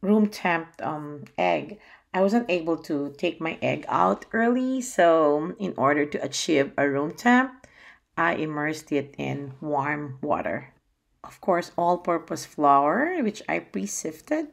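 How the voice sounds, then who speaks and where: A woman's voice: sits low, very animated, slow, gravelly. A middle-aged woman with a Filipino accent chattily narrating a recipe as a home baking host, with playful asides. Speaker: home baker hosting a cooking vlog. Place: home kitchen, indoors.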